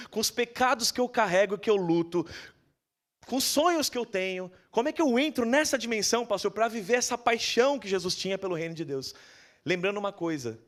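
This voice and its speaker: A man with a Brazilian Portuguese accent preaches a sermon in a church. His voice sits somewhat high, and he tells stories in a lively way, slipping into the voices of the people he quotes. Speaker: pastor.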